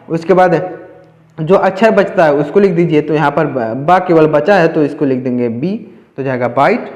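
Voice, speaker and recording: A man teaching English spelling to beginners, slowly and repetitively spelling out words letter by letter. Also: fairly high pitch, a little mellow, roomy sound, long reverb tail.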